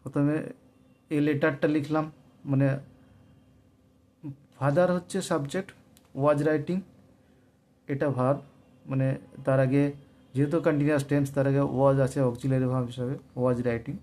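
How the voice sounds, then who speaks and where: A man with a Bengali accent teaching English grammar, asking and answering his own questions and slowly dictating example sentences. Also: mid-range voice, fairly even intonation, dark tone. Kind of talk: grammar lesson explaining answers.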